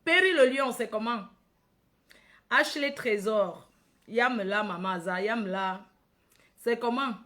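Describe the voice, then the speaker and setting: A Cameroonian woman with a Cameroonian accent hosts a casual livestream, greeting followers by name, repeating phrases and tacking on questions. Her voice is a little high and fairly bright, and she goes slowly with long pauses.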